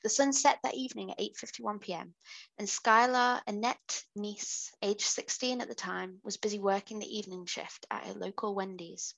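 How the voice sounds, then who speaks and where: A woman's voice: mid-range voice, moderate pace, vocal fry, fairly bright tone, rough recording. A British woman hosting a podcast, reading out a true crime case with chatty asides. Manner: chatty asides while narrating. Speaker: podcast host.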